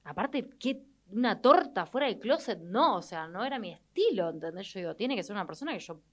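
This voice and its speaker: A young adult woman with an Argentine accent, telling a personal story in an expressive way and acting out the people she quotes. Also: mid-range voice, fairly quick. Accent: Argentine Spanish. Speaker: guest. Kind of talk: animated storytelling in conversation.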